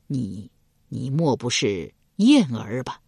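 Woman doing a slow, solemn ancient king. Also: extremely low pitch, sing-song, husky, no echo, studio quality, voice pushed down, full character voice. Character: ancient king, older man, grave and dignified.

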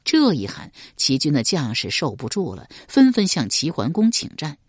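A woman narrating a historical novel in a dramatic, animated storytelling manner. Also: deep voice, moderate pace, husky, dry recording, studio quality.

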